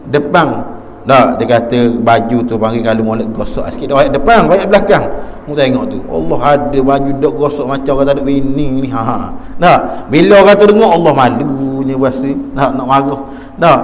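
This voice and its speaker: A man with a Terengganu Malay accent giving a religious lecture in a village prayer hall, talking colloquially and often asking the audience rhetorical questions. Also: a little high. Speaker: religious teacher.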